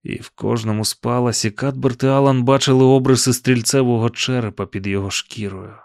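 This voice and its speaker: A man narrating an audiobook in a calm, even storytelling manner. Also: mid-range voice, fairly quick, gravelly, no room sound, studio quality. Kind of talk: scripted narration.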